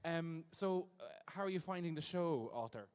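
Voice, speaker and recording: Man, host, playful camp teasing, fairly high voice, handheld mic, reverberant venue. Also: fairly even intonation, normal speed, clean tone. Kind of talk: comic crowd work. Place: large indoor venue, in the crowd. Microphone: handheld microphone. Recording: echoey hall.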